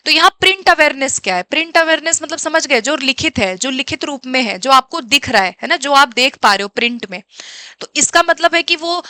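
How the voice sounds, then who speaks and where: Woman teacher, high and bright, drilling students with quick self-answered questions. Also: no echo. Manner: explains by asking questions and answering them herself; switches between Hindi and English terms, reads English questions slowly. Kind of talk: exam-prep lesson.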